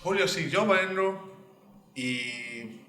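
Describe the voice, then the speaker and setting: Anfitrión de pódcast, hombre, que entrevista en tono de charla con voz clara y brillante. La grabación suena con eco, en una sala resonante. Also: male voice, on the high side, animated, very slow, bright, forceful tone. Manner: conversational, asks questions directly. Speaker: podcast host. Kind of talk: casual interview chat. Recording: echoey room.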